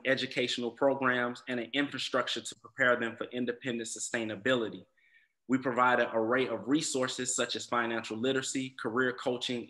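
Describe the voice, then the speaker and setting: Addressing a zoning commission, a Southwest Atlanta man reads an earnest prepared presentation, stumbling into frequent ums and repeated words. His voice is medium-pitched with a fairly bright tone.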